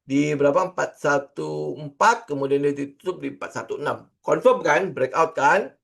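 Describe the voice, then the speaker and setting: A man's voice: a little high, normal speed, vocal fry. Chatty man teaching trading. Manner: chatty, rhetorical questions, many fillers. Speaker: trading instructor. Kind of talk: casual screen-share lesson.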